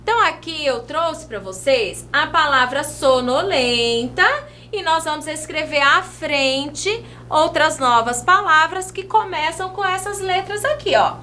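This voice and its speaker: Animated high-voiced Brazilian teacher. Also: female voice, a little hiss or hum. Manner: slow, sing-song teacher talk, stretching words as she writes. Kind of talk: children's video lesson.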